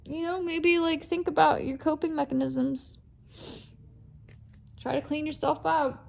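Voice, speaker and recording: Woman, tarot reader, from California, higher voice, vocal fry, chatty, giggly. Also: flat delivery, a little slow, a little mellow. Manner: chatty, giggly, full of fillers, emotional. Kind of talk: casual spoken tarot reading.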